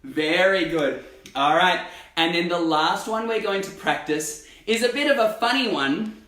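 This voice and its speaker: Male kids' gym coach: high, slow, encouraging delivery, recorded from a distance in an echoey hall. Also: pushed and bright. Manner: upbeat, encouraging, cheering children on. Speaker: gymnastics coach. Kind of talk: kids' movement class, live stream. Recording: roomy echo, distant from mic.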